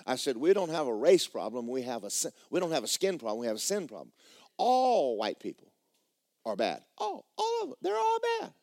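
A man preaching a sermon as a church pastor, emphatic and drawn out, sinking low and quiet at the ends of phrases, then leaping into sudden loud outbursts. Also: wildly swooping pitch, fairly quick, gravelly, no room sound, clean studio sound. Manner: emphatic preaching with swooping pitch and sudden shouts.

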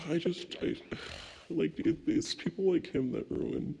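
A man's voice: sits high, slow pace, gravelly, slight background noise, low-quality recording. A young man co-hosting a casual late-night podcast, telling rambling stories full of swearing. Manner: rambling, swears a lot, animated storytelling. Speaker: podcast co-host.

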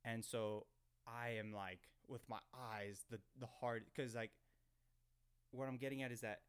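Rambling young man with a smooth voice. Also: mid-range voice, steady tone, unhurried. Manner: rambling, self-conscious, heavy filler words and restarts. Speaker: podcast host. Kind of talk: casual storytelling monologue. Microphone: desk microphone.

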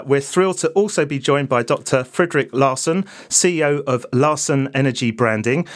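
A man hosting a podcast, reading a scripted introduction and then asking his guests questions in a clear presenter manner. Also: fairly high pitch. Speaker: podcast host.

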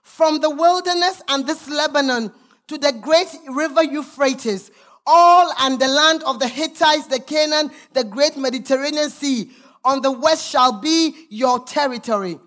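A woman's voice: high voice, measured pace, a bit bright. A woman pastor preaching a sermon, reading scripture aloud with emphatic, sometimes sung, calls to the congregation.

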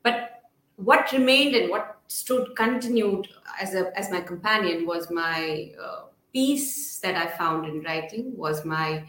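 A woman's voice: fairly low pitch, lively intonation, slow pace, fairly bright tone. A middle-aged woman, answering interview questions as a guest author in a hesitant, rambling way. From Srinagar, Kashmir, India. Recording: roomy, echoing sound.

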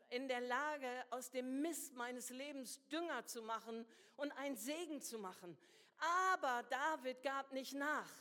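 A woman with a high voice preaches a sermon, her words ringing through a hall with a long reverb. She hammers home her points by repeating phrases. She mixes everyday slang into the preaching. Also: fairly bright tone. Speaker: guest preacher.

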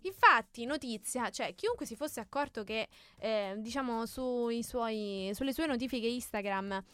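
Young female radio co-host, fairly high crisp voice, casual banter, dry studio. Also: expressive, a little slow, a bit bright, no echo. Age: young adult.

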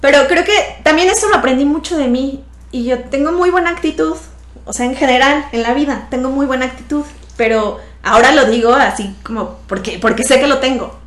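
A woman with a Mexican accent tells her story as a podcast guest, her voice sitting a little high. She talks casually and brightly, laughing often and slipping into the voices of the people she quotes. The room around her rings with echo. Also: fairly quick. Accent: Mexican Spanish. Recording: echoey room sound.

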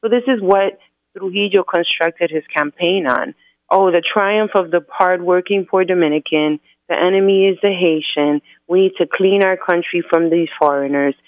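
An American woman with a lowish voice speaks at a normal pace as an activist guest in a phone interview, explaining things earnestly and methodically and laying out her points in groups. The tinny phone line carries no echo.

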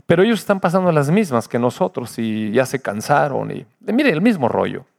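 An older man, a pastor giving an earnest personal testimony in a sermon, his voice swinging from loud to hushed. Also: medium pitch, big pitch swings, a little fast, vocal fry.

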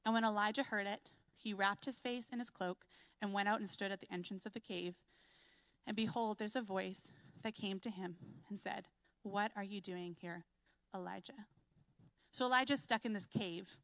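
A woman preaching a sermon in a conversational, earnest way, full of casual fillers, who slows down and builds emphasis when she reads scripture. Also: mid-range voice, a bit bright, no echo, rough recording. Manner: reads scripture aloud with slow, rising emphasis. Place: church.

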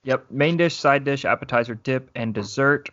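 A man's voice: mid-range voice, normal speed, a bit bright, dull audio. A man guesting on a casual podcast, laid-back with dry humor.

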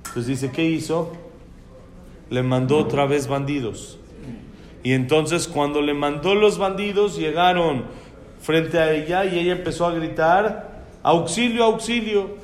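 A man's voice: on the high side, steady tone, a little slow, echoey room. A man giving a sermon as a rabbi, telling parables and acting out quotes in a storytelling way, with Hebrew terms mixed in.

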